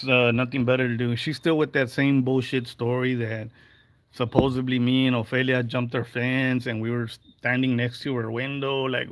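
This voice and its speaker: A man's voice: medium pitch, fairly bright tone, no room sound. A man in his forties ranting on a livestream, heated and profane, slipping in Spanish phrases. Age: 40s. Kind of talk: angry livestream rant.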